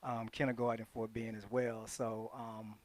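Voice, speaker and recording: A young man co-hosting, playful and quick to laugh. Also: fairly low pitch, little pitch movement, a little mellow. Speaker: co-host. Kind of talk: casual chat.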